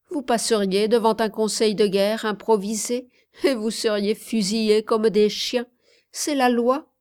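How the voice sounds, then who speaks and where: A woman narrates a novel at an unhurried pace, her voice sitting at a middle pitch. She reads steadily and measuredly, lifting her tone when the characters speak. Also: a little mellow. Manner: slow, measured reading with dialogue voiced in a raised tone. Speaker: audiobook reader. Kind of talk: scripted narration.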